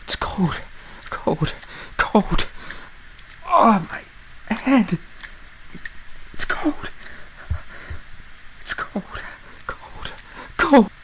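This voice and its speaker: A woman's voice: on the high side, very animated, very slow, vocal fry, pauses often, fairly bright tone, a little hiss or hum, full character voice, poor audio. A woman playing Mozart as an irritable, cursing, drunken young man in an audio drama. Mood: shivering, miserable. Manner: blustering, exclamatory, groaning.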